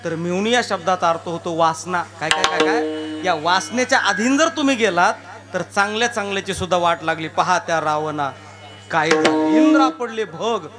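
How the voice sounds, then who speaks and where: A man's voice: sits high, expressive, normal speed. A man from rural Maharashtra, giving a jokey devotional kirtan sermon and firing rhetorical questions at the crowd. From Beed district, Maharashtra. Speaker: kirtan preacher. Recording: live music clearly behind the voice. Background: tabla and harmonium music.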